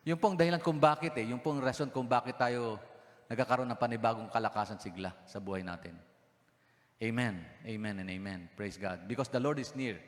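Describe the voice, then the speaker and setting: A man's voice: mid-range voice, a little fast. A male pastor preaching a sermon, switching into English phrases and asking the congregation questions, with a cough that lingers. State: has a cough. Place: church hall. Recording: long church hall reverb.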